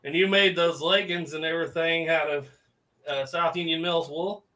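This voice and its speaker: Laid-back guy hosting a stream, kinda high and bright, laughs a lot. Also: fairly even intonation, moderate pace, poor audio. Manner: laughs often, easygoing storyteller. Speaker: host. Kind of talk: casual chat.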